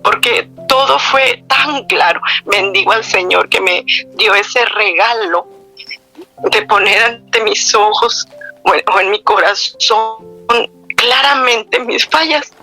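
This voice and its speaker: Bright-voiced woman giving testimony. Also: on the high side, expressive, slow, faint music behind. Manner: earnest, heartfelt storytelling with frequent restarts. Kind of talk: personal faith testimony.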